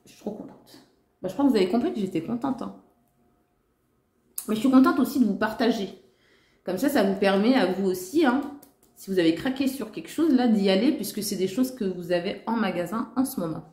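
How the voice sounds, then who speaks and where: A woman's voice: mid-range voice, a little fast, mellow. Gushing woman vlogger in an echoey room. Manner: gushing, enthusiastic, repeats "trop" and "magnifique"; talks straight to viewers. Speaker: vlogger showing her shopping haul. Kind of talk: casual chatty haul vlog.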